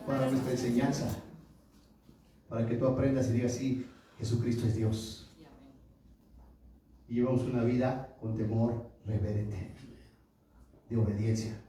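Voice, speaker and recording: A man's voice: medium pitch, level tone, a little slow, long pauses, slight background noise. Man preaching in an echoey hall. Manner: rises to loud emphatic peaks, asks the congregation questions. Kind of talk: sermon. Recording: echoey room from far off.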